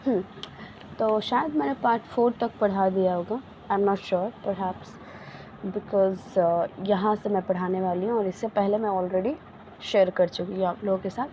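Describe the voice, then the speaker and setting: A woman with an Indian accent gives a relaxed spoken-English lesson. She talks at an unhurried pace with a mellow, dark tone and stretches her model sentences out slowly. A faint hiss sits behind her voice. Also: medium pitch, poor audio. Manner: slow, drawn-out model sentences, chatty asides. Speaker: English teacher.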